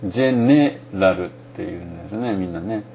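A man's voice: sits low, a little fast, creaky, a little mellow. Kansai guy teaching english sounds, rambly, lots of ums, faint room noise. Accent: Kansai Japanese. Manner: rambling, thinks aloud with many fillers. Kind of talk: casual spoken lesson.

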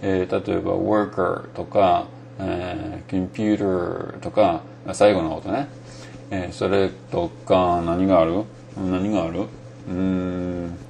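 A man's voice: sits low, flat delivery, takes it slowly, creaky, darkish tone, slight background noise. A middle-aged man with a Kansai Japanese accent, giving a casual spoken lesson on English pronunciation and thinking aloud with many fillers.

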